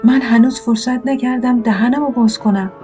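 A meek old pumpkin man answers softly and politely, as a woman reader puts him on. His voice stays gentle and quiet. Soft piano plays behind. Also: on the high side, pitched above the performer's own voice, close to an everyday voice. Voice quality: soft, mild.

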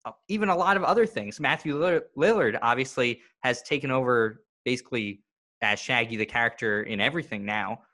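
Male podcast co-host, bright tone, chatty and analytical. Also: mid-range voice, brisk. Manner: chatty, analytical, loose run-on sentences. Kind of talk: casual podcast discussion.

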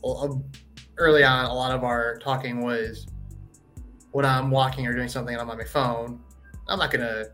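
A man, a guest in a casual interview, telling stories in a relaxed, laid-back way. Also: medium pitch, moderate pace, faint music behind. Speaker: comic writer, guest.

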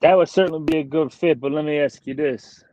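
A man's voice: on the high side, fairly even intonation, quick pace, mellow, dry recording. Slangy frat-bro young man, dullish audio. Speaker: sports podcast co-host. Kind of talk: casual sports chat. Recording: dull, dry lo-fi audio.

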